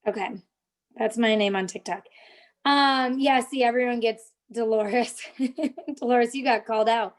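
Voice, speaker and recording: A fairly high-pitched young woman, talking a little slowly, hosts an informal live stream. She takes her audience through social media tips and responds to them in the chat.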